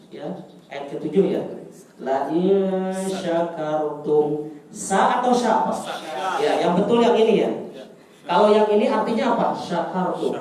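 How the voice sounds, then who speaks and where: A man teaching an Arabic class, lively and teasing with his students. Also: high-pitched. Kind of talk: classroom lesson. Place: indoor classroom. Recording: echoey room, far from the mic.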